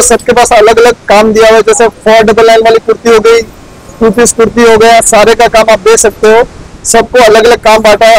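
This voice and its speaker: A man's voice: high-pitched, rough recording. A young man showing visitors around a large garment factory floor, explaining each step plainly and repeating himself, on a lapel mic. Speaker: factory guide.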